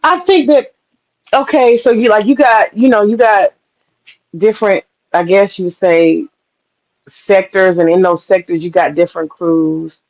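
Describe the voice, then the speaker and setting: A woman's voice: mid-range voice, unhurried. A woman guest on a live-stream panel, chatting casually and emphatically over a video call. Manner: emphatic, animated storytelling. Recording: dull lo-fi call audio.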